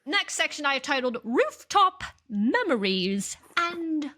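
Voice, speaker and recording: A woman's voice: high-pitched, sing-song, takes it slowly, pushed and bright. A woman hosting a podcast, recapping an episode casually, laughing often and acting out scenes. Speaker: podcast host.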